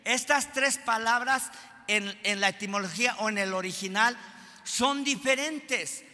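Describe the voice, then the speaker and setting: A man preaching a sermon as pastor, swinging between fervent shouted peaks and quieter conversational asides. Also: very high voice, unhurried. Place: church hall. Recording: reverberant church hall.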